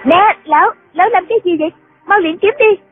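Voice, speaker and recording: A woman voicing a timid young nun in a storybook reading, in a high girlish voice. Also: a little fast. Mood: alarmed. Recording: tinny phone-like sound with loud music.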